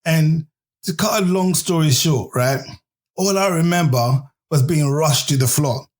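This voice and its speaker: A man's voice: a little high, a little slow. A man from Africa hosting a podcast, telling a story in casual chat and often tagging his sentences with "right?". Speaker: podcast host.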